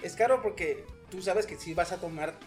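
A woman's voice: lowish voice, moderate pace, darkish tone, soft background music. A young woman, explaining things matter-of-factly in a casual chat. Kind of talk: casual chat among friends.

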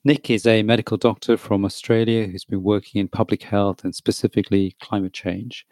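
A man hosting a podcast, introducing his guest and asking earnest, measured questions. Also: lowish voice, little pitch movement, darkish tone, no echo. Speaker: podcast host.

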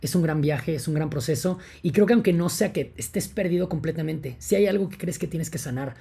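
A young man with a Mexican accent, talking casually to his podcast listeners in an excited, rambling way with lots of fillers. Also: a little high, brisk, creaky, breathy edge. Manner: enthusiastic, rambling, many fillers like "entonces" and "o sea". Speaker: podcast host.

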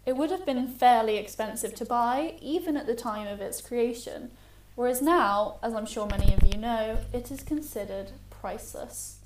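A woman's voice: on the high side, normal speed, a little hiss or hum. A young woman co-hosting a podcast, chatting in a wry, easygoing way. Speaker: podcast co-host. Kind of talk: casual chat. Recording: echoey room with faint music.

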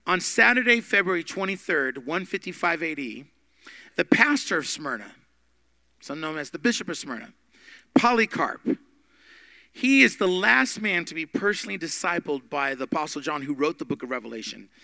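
Emphatic, bright-voiced male Bible teacher. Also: on the high side, big pitch swings, normal speed, gravelly, no room sound. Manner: emphatic, with big swings in loudness. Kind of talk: podcast Bible study teaching.

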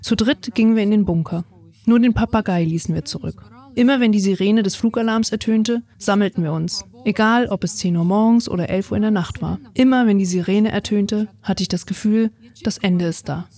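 Woman in her twenties from ukraine reading her own story, calm and reflective, mid pitch. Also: brisk. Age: 20s. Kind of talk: read first-person testimony.

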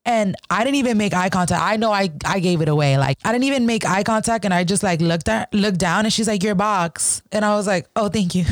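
A woman's voice: medium pitch, fairly quick, no room sound. Young woman in her twenties, podcast host, casual storytelling, frequent laughter, swearing, dry close-mic sound. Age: 20s. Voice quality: laughs often, swears freely, quotes in varied voices.

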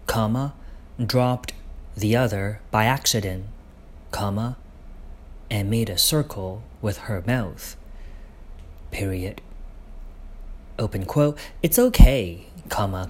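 Slow man dictating, saying punctuation aloud. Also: fairly low pitch, animated. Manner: speaks punctuation marks aloud; slow, deliberate dictation with pauses. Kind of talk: dictating his own prose aloud.

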